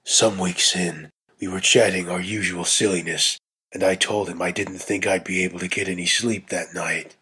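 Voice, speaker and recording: A man reads a story aloud as dramatic narration. His voice is low and heavily rasped, with a forceful, bright edge. He takes his time, setting phrases apart with deliberate pauses. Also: steady tone. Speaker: reader of a dramatic reading.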